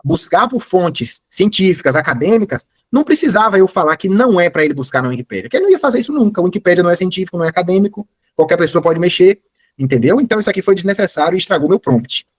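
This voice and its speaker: A man's voice: sits high, sing-song, very fast, slightly rough, no echo. A man giving a live online class, explaining step by step and often correcting himself mid-sentence. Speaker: course instructor.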